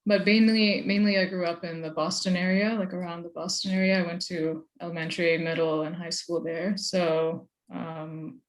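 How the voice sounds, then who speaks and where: A young American woman speaks as a guest on an interview podcast, her voice a little low for a woman. She talks conversationally and thoughtfully, often using like and you know as she works through her answers. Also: level tone, normal speed, few pauses. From United States. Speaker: journalist guest. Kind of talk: casual interview.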